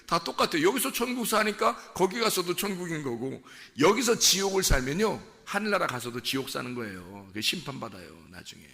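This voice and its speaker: A man preaching a sermon as a pastor, swinging from hushed asides to impassioned shouts, with sing-song rising exclamations. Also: a little high, creaky. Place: church sanctuary. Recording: church hall reverb.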